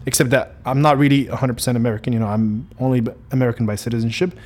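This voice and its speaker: Racing through his words, a young man from Morocco hosts a laid-back solo podcast in a steady, medium-pitched, slightly mellow voice. His accent is Moroccan and Arabic is his first language. He rambles a lot, restarting often and filling gaps with fillers.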